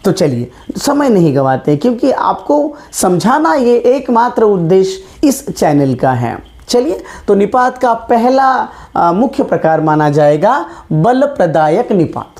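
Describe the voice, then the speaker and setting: A woman teaching a grammar lesson, who asks questions and answers them herself and repeats key terms slowly. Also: mid-range voice, big pitch swings, a little mellow.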